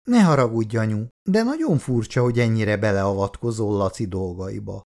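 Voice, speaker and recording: A man's voice: lowish voice, animated, a little mellow. A man voicing an outspoken young adult daughter who bluntly interjects.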